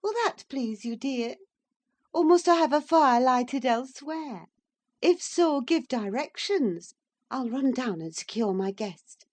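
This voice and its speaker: A woman playing a breathless, excitable young lady. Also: slow pace, full character voice. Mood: teasing, imperious. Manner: breathless, high and emphatic.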